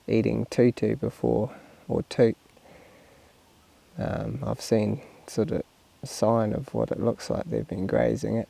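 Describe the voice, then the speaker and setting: A man with a New Zealand accent gives low-key, murmured, half-whispered wildlife-watching commentary in a gravelly, husky voice. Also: warm tone. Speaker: deer hunter filming own stalk. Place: outdoors in the bush.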